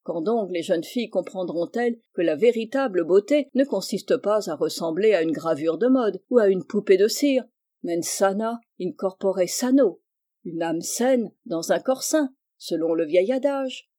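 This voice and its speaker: Firm kind doctor uncle, middle-aged guy, mellow voice, storybook reader doing him. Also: medium pitch, lively intonation, normal speed, lightly acted. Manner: firm, instructive reading.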